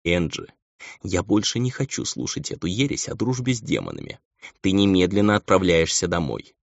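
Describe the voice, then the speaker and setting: A man's voice: low-pitched, big pitch swings, moderate pace, gravelly, no echo, full character voice. A man reading an audiobook, voicing a haughty female battle angel who talks with scorn and command. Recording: dull lo-fi audio.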